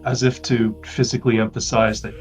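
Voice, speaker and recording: A man describing his character's actions calmly in a tabletop game. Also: mid-range voice, fairly quick, distant mic, faint music behind. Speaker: player.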